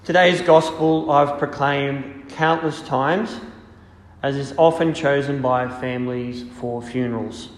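Slow-speaking priest in a cathedral-like echo. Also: male voice, mid-range voice, fairly even intonation. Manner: solemn, measured, deliberate phrasing. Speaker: priest reading the gospel and preaching. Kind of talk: liturgical reading and homily. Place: large reverberant church. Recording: echoey church with long cathedral-like reverb.

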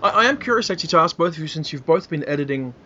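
Racing along in an animated, fairly high voice, a male podcast host and interviewer asks his guests easygoing questions during a casual chat. It's recorded over a muffled internet call with faint noise, and crowd noise can be heard too.

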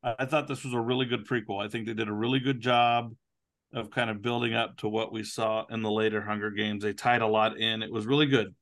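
A man's voice: fairly low pitch, little pitch movement, brisk, a bit bright. A man co-hosting a casual podcast discussion, speaking in an upbeat, encouraging way. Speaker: podcast co-host.

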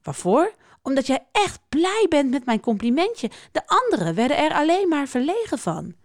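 Woman doing a gentle, hesitant turtle for a children's story, raised pitch. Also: very animated, normal speed, dry recording, clean studio sound. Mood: earnest. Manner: earnest, hesitant and wondering. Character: gentle shy male turtle.

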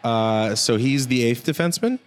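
A man co-hosting a casual hockey podcast, joking and rambling with quick asides. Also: mid-range voice. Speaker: podcast co-host.

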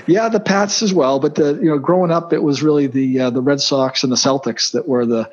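A middle-aged man from Boston, USA, with a Boston accent talks casually as an interview guest, using lots of fillers and restarts. He speaks briskly in a fairly high voice, and the audio is dull.

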